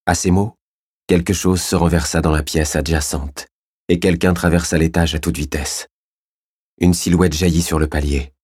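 A man reading a crime novel aloud as an audiobook narrator, in steady, measured scripted narration. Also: sits low, husky, no echo, studio quality.

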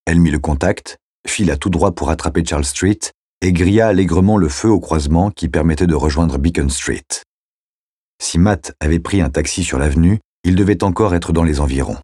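A man reading a novel aloud as narrator in a measured, steady way. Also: sits low, husky, no echo, studio quality. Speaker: audiobook narrator. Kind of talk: scripted narration.

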